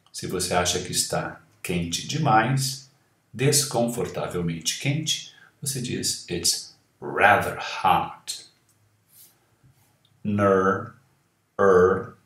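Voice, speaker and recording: A man teaching English to Portuguese speakers, explaining a text slowly and saying the English words aloud again and again. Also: lowish voice, echoey room, far from the mic. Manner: slow, deliberate, models English words aloud and repeats them. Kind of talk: language lesson explaining a reading.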